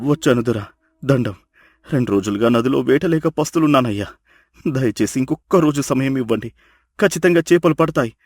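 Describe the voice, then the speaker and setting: A man's voice: mid-range voice, lively intonation, brisk, darkish tone, no echo, close to an everyday voice. A man voicing a poor, desperate fisherman. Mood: pleading. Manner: pleading, anxious. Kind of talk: cartoon dubbing.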